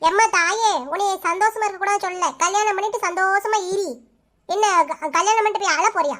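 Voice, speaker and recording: A woman's voice: very high voice, fairly even intonation. Woman voicing a bossy village neighbor. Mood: scolding. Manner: fast, sharp scolding. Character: brisk young village neighbor woman, bossy but caring. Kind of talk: cartoon voice-over.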